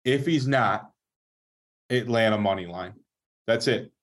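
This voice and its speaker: A man's voice: fairly low pitch, unhurried. A man co-hosting a casual sports podcast, asking questions and thinking aloud in a hesitant way.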